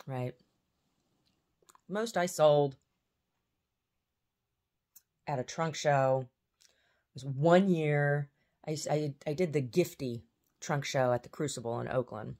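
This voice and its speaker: Chatty woman rambling to camera. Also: rumbling low. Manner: chatty, trailing off and restarting sentences. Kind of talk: casual rambling monologue.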